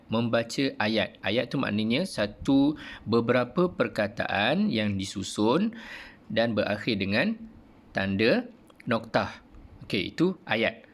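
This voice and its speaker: A male primary school teacher with a Malaysian Malay accent, giving an online lesson and saying each word slowly and clearly for pupils to repeat. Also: lowish voice. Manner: repeats words slowly and loudly for pupils to copy.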